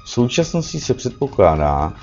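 A man's voice: mid-range voice, sing-song, darkish tone. A man giving a spoken lecture, often correcting himself and adding tag questions as he goes. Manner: lecturing, with frequent self-corrections and "že ano" tags. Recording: dull lo-fi recording with faint music behind.

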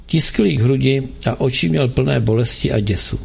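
A man reading a novel aloud in a measured storytelling way. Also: medium pitch, creaky, a little mellow, husky. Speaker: narrator. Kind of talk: scripted narration of a novel.

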